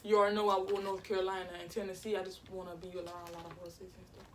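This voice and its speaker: A woman hosts a casual mukbang chat, chewing as she talks. Her voice sits at a middle pitch and she speaks informally to the viewers. There is some noise behind her. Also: flat delivery, racing, fairly bright tone. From Florida, United States. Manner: chewing and talking while eating; informal, addresses viewers as y'all. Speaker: mukbang host.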